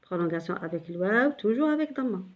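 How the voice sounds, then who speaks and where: A woman's voice: mid-range voice, expressive, a little fast, dull audio. A woman teaching beginners step by step, patiently repeating syllables with some hesitant fillers. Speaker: Arabic teacher. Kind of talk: slow step-by-step lesson for beginners.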